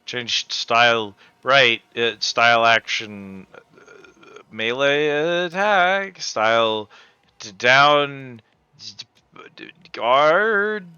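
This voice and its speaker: A man's voice: mid-range voice, expressive, very slow, pushed and bright, smooth, dry recording, muffled recording. A man giving casual let's-play commentary, joking and swearing in slangy speech over game music. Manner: profane, jokey, slangy. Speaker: gamer playing and commentating.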